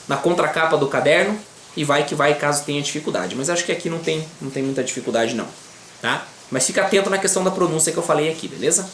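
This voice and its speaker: A man with a Brazilian Portuguese accent teaching English grammar to beginners. He checks in often with quick tag questions and slows down to model pronunciation. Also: on the high side, fairly bright tone, echoey room, slight background noise.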